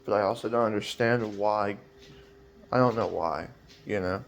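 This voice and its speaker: A man's voice: fairly low pitch, moderate pace, slight background noise. A man in his twenties talking in a personal vlog, hesitant and rambling with many fillers, sounding weary and anxious. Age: 20s.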